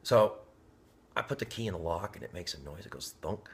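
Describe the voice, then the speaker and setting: A man's voice: low-pitched, animated, brisk. A man telling a personal story in a casual, rambling way, often dropping to a near whisper. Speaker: vlogger. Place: inside a parked car.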